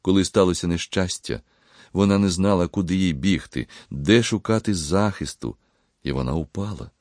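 A man voicing a gentle, devout young pharmacist who speaks quietly, slowly and sorrowfully. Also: sits low, dry recording, clean studio sound, natural voice.

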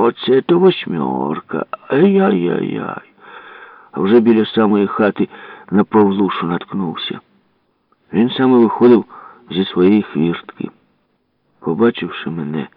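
A man narrating a first-person story in an animated, dramatic storytelling manner, heard over a tinny radio broadcast. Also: sits low, dry recording. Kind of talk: expressive story reading.

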